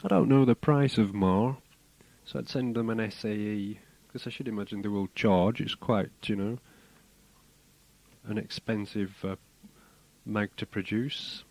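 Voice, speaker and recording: A man hosting a radio show, chatting in a relaxed way with plenty of ums. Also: lowish voice, a little slow, creaky, long pauses, no echo. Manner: relaxed, hesitant with fillers. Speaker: radio host reviewing magazines. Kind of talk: casual radio chat.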